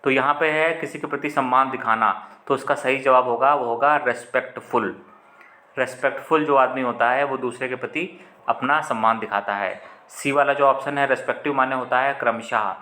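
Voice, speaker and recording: A man's voice: medium pitch, steady tone, normal speed, pushed and bright. Patient man teaching in an echoey room. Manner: explains step by step, repeating terms, with frequent fillers and restarts. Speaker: exam prep teacher. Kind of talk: Hindi lesson explaining English vocabulary questions. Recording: roomy echo.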